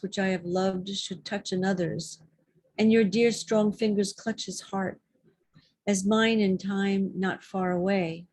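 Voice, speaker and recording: A woman giving a poetry reading at a public library, reciting in a measured, deliberate way. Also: mid-range voice, a little mellow, dry recording. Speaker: poetry reader.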